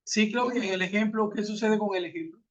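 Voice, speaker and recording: High-voiced man teaching an online class. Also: a little fast. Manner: patient explaining, with rhetorical questions. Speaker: English teacher. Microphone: computer mic on a video call. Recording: muffled web conference audio.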